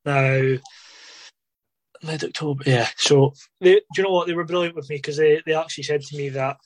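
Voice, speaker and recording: This interview guest, once a footballer, recounts his playing days in a loose, rambling way, peppered with "obviously" and "you know." His voice is on the high side and steady, at normal speed, with no echo.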